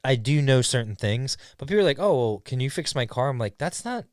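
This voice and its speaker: A man hosting his own podcast in casual chat, rambling and laid-back with many restarts, sounding high. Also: animated, fast, no room sound, studio quality. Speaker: podcast host. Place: studio.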